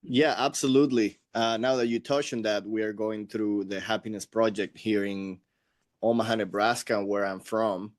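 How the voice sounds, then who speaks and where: A man's voice: fairly low pitch, fairly even intonation. Earnest man with a Venezuelan accent. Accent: Venezuelan Spanish. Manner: earnest, reflective, unhurried storytelling. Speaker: guest. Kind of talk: conversational interview storytelling.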